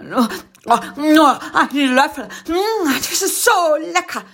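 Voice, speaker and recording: A woman's voice: sits high, animated, slow, a bit bright, pitched above the performer's own voice, exaggerated voice. A woman voicing a timid, always-hungry male spider in a storybook reading. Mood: fretful. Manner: fearful, whiny.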